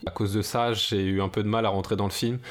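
A man's voice: lowish voice, level tone, fast talker. A man talking casually on a podcast, thoughtful and hesitant with many fillers. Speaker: podcast co-host. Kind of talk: casual discussion.

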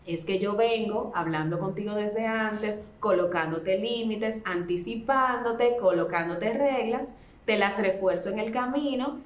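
Woman, parenting expert guest, conversational, mid pitch, roomy echo. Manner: acts out gentle talks with a child. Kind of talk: conversational explanation.

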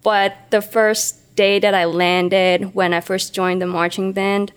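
Woman, smooth clear voice, reflective, hesitant storytelling. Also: medium pitch, flat delivery, slow. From Hong Kong. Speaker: podcast co-host. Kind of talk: casual podcast storytelling.

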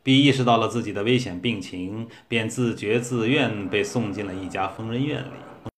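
Man reading a story aloud, measured. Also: on the low side, slight background noise. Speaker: narrator.

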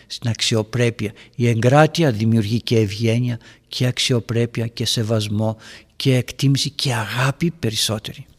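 A man, a priest, giving a homily to a group of parents, telling stories and addressing his listeners as his dear ones. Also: medium pitch. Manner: storytelling, acting out dialogues in raised voices. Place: church hall. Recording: long church-hall reverb.

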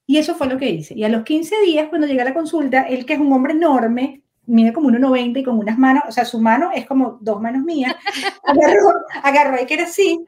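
A woman with a Venezuelan accent telling her breastfeeding story in an interview, animated and laughing often, acting out the dialogue she quotes. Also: high-pitched, fast, hardly any pauses. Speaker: guest, breastfeeding promoter.

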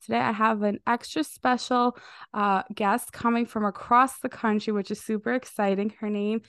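In a clean studio with no room sound, a young woman hosts a podcast interview at a moderate pace, her fairly high voice clear, resonant, and fairly even in intonation. A recent illness leaves her a touch nasal, but she stays warm and enthusiastic, using many fillers.

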